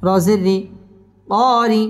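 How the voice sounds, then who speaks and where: A man with a Bangladeshi accent teaches Quran recitation at a patient, unhurried pace, drawing out each syllable. His voice sits high. The sound carries a long reverb tail with faint music underneath. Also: fairly even intonation. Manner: slow, drawn-out recitation, letter by letter. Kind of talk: Quran tajweed lesson, spelling letters and reciting.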